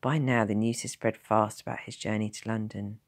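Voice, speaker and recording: A woman's voice: a bass voice, steady tone, moderate pace. A woman teacher reading a novel aloud, narrating expressively and voicing each character. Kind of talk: storybook narration.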